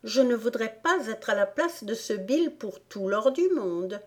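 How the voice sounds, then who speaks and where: A sharp-tongued little girl, as a woman reader puts her on, pitched well above the reader's own voice and swinging up into cries of warning. She speaks slowly and with weight, in a darker, mellow tone. The storybook girl sounds curious but quick to anger. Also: expressive. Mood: puzzled. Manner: raised, higher voice when shouting threats. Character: curious young girl, bold and indignant.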